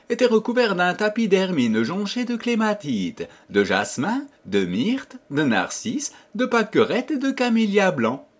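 Expressive male audiobook reader for a children's fairy tale; husky voice, lively melody, slightly higher pitch. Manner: expressive, addressing listeners as children. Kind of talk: storybook narration for children.

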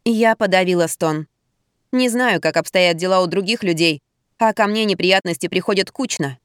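A woman reading a first-person story as an audiobook narrator, in an ironic, lively storytelling manner. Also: on the low side, normal speed, smooth, no echo, studio quality.

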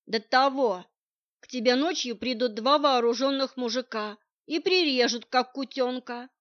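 A woman's voice: high voice, measured pace. A woman reading the part of an agitated male ex-soldier neighbor who blusters and frets, on a muffled lo-fi recording. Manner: excitable, blustering, alarmed. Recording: muffled lo-fi audio.

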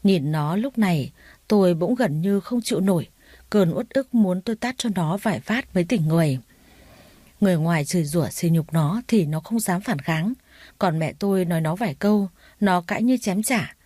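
A woman's voice: on the low side, expressive, normal speed, mellow, no room sound. A woman reading a first-person story aloud in an earnest, emotional way.

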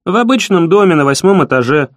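A man voicing a young city boy who answers firmly and calmly. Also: sits high, quick pace, no room sound, studio quality. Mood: defiant. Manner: firm, calm, defiant replies.

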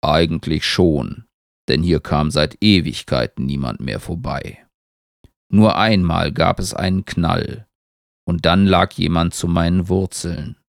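A man voicing a lonely old tree in a story reading, speaking deep and slow. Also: creaky, no room sound, clean studio sound. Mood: calm.

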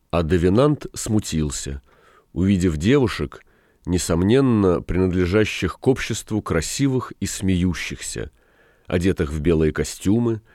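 A man reading a novel aloud as audiobook narrator, measured and expressive. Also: low-pitched, dry recording, clean studio sound. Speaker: audiobook reader.

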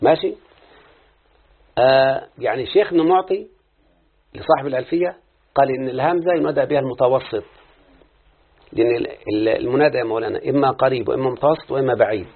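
A man's voice: mid-range voice, fast, pauses often, breathy edge. A man with an Egyptian accent teaching Arabic grammar to a class, constantly checking whether his students understand. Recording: muffled phone-like lo-fi recording.

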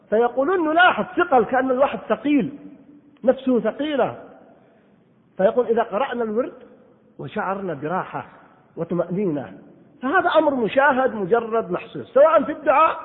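A man giving an earnest religious lesson, exhorting and answering listeners' questions. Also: very high-pitched. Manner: earnest, exhorting, voice rises and falls widely. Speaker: Islamic scholar answering questions. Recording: tinny phone-like audio in a long-echo hall.

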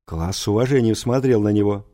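A man reading a novel aloud as an audiobook narrator, in an even storytelling delivery. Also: on the low side, a little fast. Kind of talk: scripted narration.

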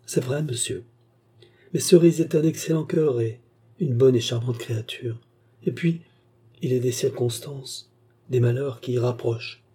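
A man reads a grieving young noblewoman in a storybook reading. She sighs softly and speaks with quiet dignity. The voice stays dark and a little husky. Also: medium pitch, steady tone, unhurried. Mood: sad, gentle. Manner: soft, sighing delivery. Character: young noblewoman, sad, gentle and sighing.

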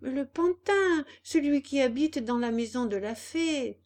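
A woman voicing an impatient wooden puppet boy who talks high, loud and urgent. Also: animated, unhurried. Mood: pleading impatient.

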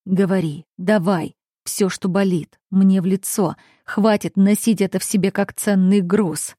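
A woman voicing a cold, domineering male dragon duke who speaks in low, insistent commands, in an audiobook. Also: fairly even intonation, unhurried, mellow, no room sound, studio quality, natural voice. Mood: commanding.

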